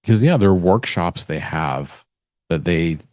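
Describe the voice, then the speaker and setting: A man co-hosting a podcast, chatting casually in a thoughtful, measured way. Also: low-pitched, animated, darkish tone, dry recording, clean studio sound. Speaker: podcast co-host. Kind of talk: casual chat.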